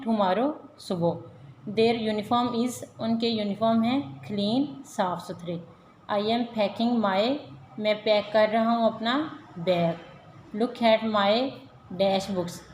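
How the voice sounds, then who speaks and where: A woman teacher, giving a recorded online lesson to young children and reading words slowly and deliberately. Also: medium pitch. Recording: echoey room, faint background hum.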